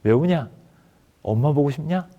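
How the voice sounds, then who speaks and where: A man voicing a rough but kindly young male drill assistant who talks in blunt, teasing army slang. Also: fairly high pitch, animated, normal speed, phone-quality sound.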